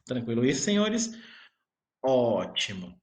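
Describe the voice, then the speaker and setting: A man's voice: medium pitch, big pitch swings, slow. A man teaching a recorded grammar lesson, explaining patiently and checking in with his students again and again. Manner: keeps checking in with the class.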